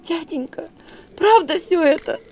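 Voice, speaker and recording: A woman's voice: very high voice, expressive, a little slow, darkish tone, slight background noise, voice pushed up, full character voice. A woman voicing a frightened young peasant girl who shrieks and pleads through tears. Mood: tearful.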